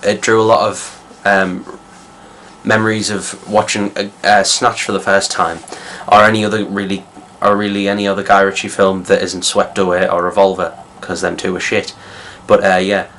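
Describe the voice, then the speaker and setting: A young man with a low, deep voice reviews a film in loose, casual talk. He rambles, circling back with plenty of fillers and false starts. A faint hiss sits under his voice. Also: level tone, moderate pace, fairly bright tone. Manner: rambling, many fillers and restarts. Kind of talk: casual spoken movie review.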